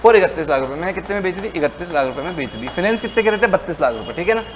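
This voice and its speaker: High-voiced man teaching in a lively classroom manner. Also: racing, a little hiss or hum. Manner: colloquial, mixes Hindi with English terms. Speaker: commerce teacher. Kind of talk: lecture with role-played dialogue.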